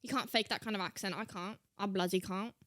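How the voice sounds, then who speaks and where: Talking fast in a steady, medium-pitched, fairly bright voice, the American host hams up a mock British accent for her playful reactions, repeating lines to drive them home. The sound is studio quality with no echo.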